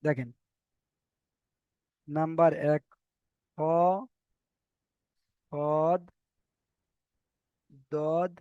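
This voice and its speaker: Guy teaching arabic letters online, highish voice, says every sound twice, slow and patient, dry close mic. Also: flat delivery, a little mellow, clear, resonant tone, dry recording, lo-fi sound. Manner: slow drilling of letter sounds, repeating each pair. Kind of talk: online Quran reading lesson.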